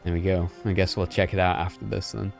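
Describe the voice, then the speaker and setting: A man streaming games, chatting and thinking aloud in a relaxed way. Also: sits low, fast talker, gravelly, faint music behind. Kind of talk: casual reaction livestream.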